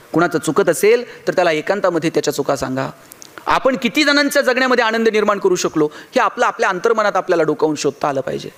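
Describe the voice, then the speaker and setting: A man giving a motivational public speech, telling funny stories and talking directly to his audience. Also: high voice. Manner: humorous storytelling, addresses the audience directly. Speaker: motivational speaker.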